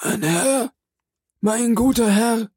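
A man voicing a faithful old male servant who is stricken and failing, speaking in a slow, breathy, pained voice for a storybook reading. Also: sits high, steady tone, a little mellow, no echo, studio quality, pitched above the performer's own voice, heavily acted. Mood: anguished.

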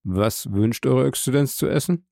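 A man voicing a cool, indifferent bandit jailer in an audiobook, calm and mockingly polite. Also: mid-range voice, normal speed, creaky, dry recording, studio quality, close to an everyday voice. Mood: deadpan. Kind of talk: audiobook character voice.

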